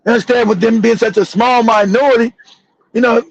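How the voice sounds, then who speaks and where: High-voiced husky man ranting. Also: fairly even intonation, a little fast, no room sound, muffled recording. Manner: fiery, profane, repetitive ranting. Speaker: show host. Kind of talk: heated livestream commentary.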